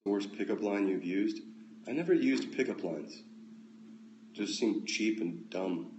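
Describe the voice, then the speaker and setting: An American man hosting a casual phone livestream at home, reading out comments with relaxed, dry, offhand replies. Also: on the low side, measured pace, highs cut off, background noise. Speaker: livestream host. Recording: echoey room, faint ambience.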